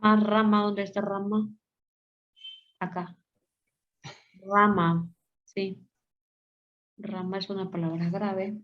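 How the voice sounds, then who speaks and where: A woman teaching a class, repeating words aloud slowly as she points them out. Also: medium pitch, flat delivery. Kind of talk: classroom lesson. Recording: dull lo-fi sound.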